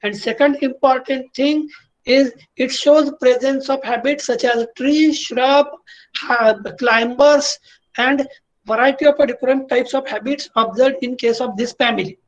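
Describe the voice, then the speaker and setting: A man's voice: very high-pitched, steady tone, very slow, muffled recording. A man with an Indian accent giving an online botany lecture, repeating key points and checking that students are following.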